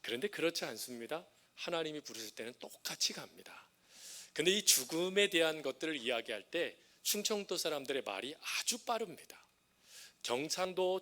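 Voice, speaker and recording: A man's voice: a little high, pushed and bright. A middle-aged man from the Chungcheong region of South Korea, a senior pastor preaching a sermon with humorous stories and questions put to the congregation.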